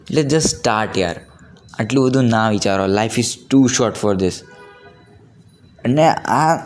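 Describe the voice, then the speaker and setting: A teenage boy with a Gujarati accent speaks to camera in a slightly mellow, mid-range voice. His motivational talk is casual and unscripted, earnest in tone, and delivered in colloquial speech mixed with English words.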